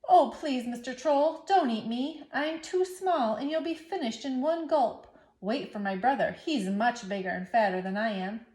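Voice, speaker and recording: A woman's voice: a little high, expressive, moderate pace, a little mellow, echoey room, close to an everyday voice. A woman doing a small clever billy goat. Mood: pleading. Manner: pleading, polite, clever. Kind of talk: storybook read-aloud.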